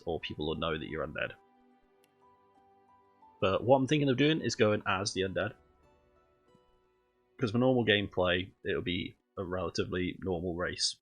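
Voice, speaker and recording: A man with a cold streams a video game, chatting casually and thinking aloud with lots of ums. His low voice comes out stuffy and nasal, though fairly bright in tone.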